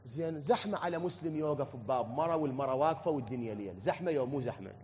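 Man, Iraqi accent, mourning sermon storytelling, quick delivery, impassioned chanting, lo-fi recording. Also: medium pitch, lively intonation, slight background noise. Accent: Iraqi Arabic. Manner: impassioned, rising to wailing chant. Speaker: preacher. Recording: dull lo-fi recording.

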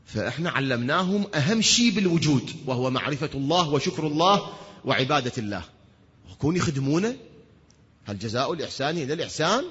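A man preaching a religious lecture, asking rhetorical questions and answering them himself, sometimes stretching words into long shouts. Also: a little high, big pitch swings, quick pace, husky. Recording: dull sound with long hall reverb.

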